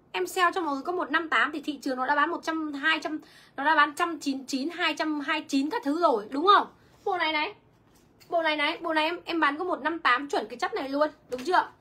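A young woman sells clothes online during a livestream sales pitch, chatting away and reading viewer comments aloud. Her voice is high-pitched and sharp.

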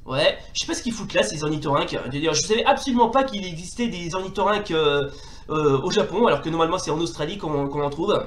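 A man with a fairly high voice narrates his run through a retro arcade brawler, getting worked up and telling off the enemies as he stammers and restarts his sentences. The sound is roomy, with a clear echo off the walls. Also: fast talker. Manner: excitable, scolds enemies out loud, stammers and restarts. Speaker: retro gaming YouTuber. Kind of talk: let's play commentary.

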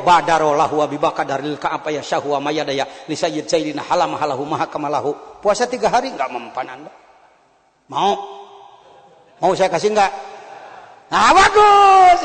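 A man preaching a sermon at a gathering, animated, moving between loud exclamations and soft asides. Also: on the high side, fast talker. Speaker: Islamic preacher. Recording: long hall reverb.

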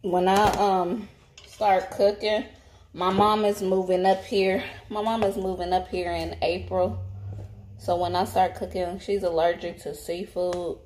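Woman, 30s, low-ish easygoing voice, home-kitchen cooking vlog on a close phone mic. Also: a little slow, a little hiss or hum. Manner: relaxed, chatty, talks to viewers as y'all. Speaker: home cook vlogger. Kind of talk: casual cook-with-me chat. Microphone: phone camera held close.

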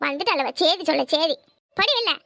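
A woman with a southern Tamil Nadu accent voicing a spiteful, scheming mother-in-law who taunts and scolds at a rapid clip. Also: sits high, lively intonation, gravelly, sharp tone, no room sound, studio quality, full character voice. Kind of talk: cartoon voice acting.

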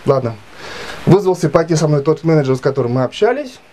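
A man in his late thirties telling a grievance story to camera in a halting, filler-heavy way. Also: fairly high pitch, big pitch swings, mellow, slight background noise. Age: 30s. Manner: halting, many fillers and restarts, aggrieved retelling. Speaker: vlogger. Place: small indoor room.

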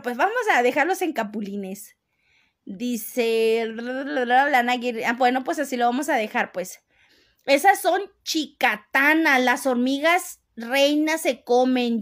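High-voiced Mexican woman chatting on a live stream. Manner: chatty, laughs often, teasing. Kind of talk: casual live chat reading viewer comments.

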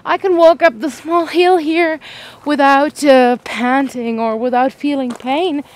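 A woman filming herself on an outdoor evening walk, with a light voice that sits fairly high. She speaks slowly and thoughtfully, stopping and restarting as she finds her words. She has a mild cold, sounds tired, and is a little winded from walking with the handheld camera. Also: fairly even intonation. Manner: gentle, reflective, many pauses and restarts. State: slightly out of breath from walking. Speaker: vlogger. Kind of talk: casual vlog while walking.

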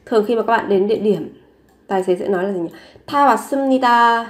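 A woman language teacher explaining grammar patiently, repeating example phrases slowly and clearly. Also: mid-range voice, fairly even intonation, mellow. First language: Vietnamese. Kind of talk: teaching Korean grammar in Vietnamese.

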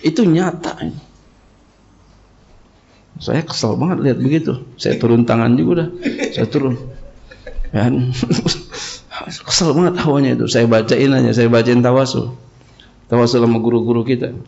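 A man's voice: mid-range voice, normal speed, vocal fry, pauses often, darkish tone. A middle-aged man preaching to a congregation in a casual, joking way, telling anecdotes and laughing along with his listeners. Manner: chatty, jokes and laughs with the congregation. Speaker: Islamic preacher teaching Quran commentary. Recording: dull lo-fi recording.

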